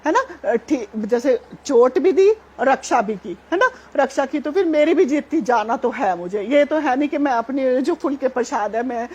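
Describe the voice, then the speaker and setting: A middle-aged woman sharing a devotional testimony at a satsang, chatty and animated, often laughing as she tells it. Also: high voice, moderate pace, few pauses, husky. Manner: chatty, animated, laughs while telling, many fillers.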